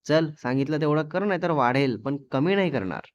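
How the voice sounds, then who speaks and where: A man's voice: fairly high pitch, expressive, a little fast, natural voice. A man voicing a fiery, teasing young wife, who scolds and bosses her husband. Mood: bossy. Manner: scolding, bossy. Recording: dull dry lo-fi recording.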